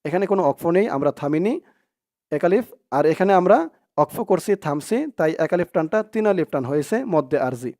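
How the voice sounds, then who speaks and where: A man's voice: fairly high pitch, expressive, fast talker, darkish tone. A man teaching Quran recitation, spelling out syllables one by one and repeating them for his students. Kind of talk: step-by-step recitation lesson.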